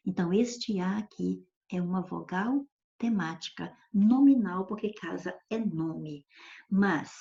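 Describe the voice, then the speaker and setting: A woman's voice: medium pitch, mellow. A woman teacher, explaining grammar in a patient classroom lecture and often checking that students follow. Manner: patient, checks understanding with frequent questions. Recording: dull lo-fi recording.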